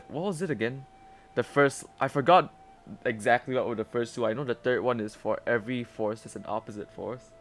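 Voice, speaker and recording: A man's voice: medium pitch, fairly bright tone. A young man, rambling and laughing through casual gaming commentary as a streamer, with lots of stammered restarts.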